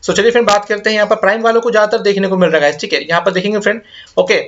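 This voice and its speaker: A young man rattles through viewer updates at high speed, his voice pitched a little above the usual. He slips between Hindi and English and keeps checking in with his audience, and the recording sounds slightly dull and lo-fi. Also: fairly even intonation, a bit bright. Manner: rapid Hindi-English mix, reassuring, repeats "ठीक है". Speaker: career guidance YouTuber. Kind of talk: casual update video reading viewer comments.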